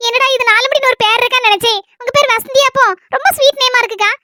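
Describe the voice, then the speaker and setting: An actress portrays a shy, kindly young woman with a Kanyakumari Tamil accent. Her voice sits very high and sounds gentle and polite. A steady hiss runs under the noisy skit recording. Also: racing. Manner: soft, polite, often tearful. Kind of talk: comedy skit acting.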